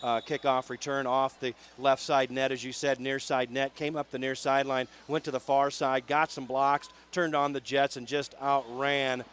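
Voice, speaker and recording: A man's voice: mid-range voice, little pitch movement, normal speed, hardly any pauses, fairly bright tone. Male radio color commentator, faint hiss. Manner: explanatory, with frequent fillers.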